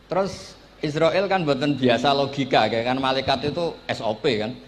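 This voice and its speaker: A man's voice: mid-range voice, normal speed, slight background noise. A middle-aged man with a Javanese accent giving a sermon, telling stories with acted dialogue and joking asides. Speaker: Islamic preacher.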